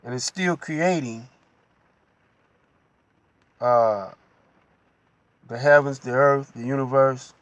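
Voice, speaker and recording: A man giving a slow, unhurried religious teaching monologue as the host, pausing often and adding "you know.". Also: mid-range voice, no room sound, highs cut off.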